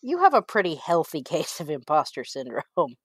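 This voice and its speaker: A woman's voice: low voice, very animated, moderate pace, slightly rough, dry recording. A woman interviewing a podcast guest in casual chat, teasing and bantering, with a lingering cold. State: has a cold, coughing.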